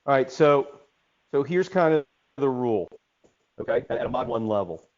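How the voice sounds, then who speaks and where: A man's voice: mid-range voice, animated, moderate pace, a little mellow. A man teaching an online webinar in a conversational way, often checking in with "okay?". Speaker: instructor. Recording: dull lo-fi webinar audio.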